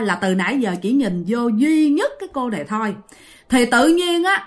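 A woman with a Southern Vietnamese accent telling a ghost story in a chatty way, often turning to her listeners. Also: on the high side. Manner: conversational, addresses listeners directly.

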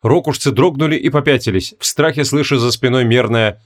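A man narrating a fantasy battle audiobook in a steady, measured reading. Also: mid-range voice.

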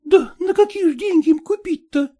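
A man's voice: very high voice, normal speed, warm tone, voice pushed up. A male reader voicing an impatient young peasant woman who keeps pressing and pleading. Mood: dismayed. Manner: pleading, insistent.

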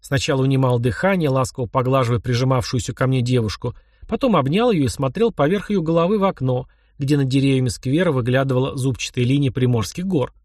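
A man's voice: medium pitch, fast talker, hardly any pauses, darkish tone, dry recording, clean studio sound. A man narrating a first-person novel in a wry, conversational storytelling manner. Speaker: audiobook narrator.

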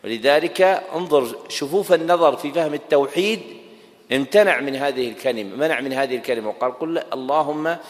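A male teacher in a reverberant hall. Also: medium pitch. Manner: slow, deliberate explaining, repeats key phrases; checks understanding and quizzes students. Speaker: religious teacher. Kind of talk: classroom lecture explaining a text.

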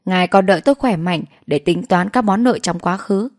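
A woman reading as a calm, mocking young rival. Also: fairly low pitch, brisk, no echo, clean studio sound, close to an everyday voice.

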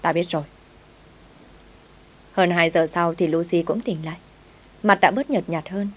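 A woman reads a romance story aloud in a steady, even way. Her voice sits on the low side for a woman, calm and unhurried in its telling. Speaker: story narrator. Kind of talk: scripted story narration.

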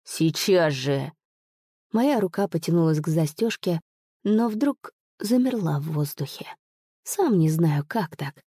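A woman narrating an audiobook in an expressive, measured storytelling manner. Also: on the low side, breathy edge, dry recording, clean studio sound. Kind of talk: audiobook reading.

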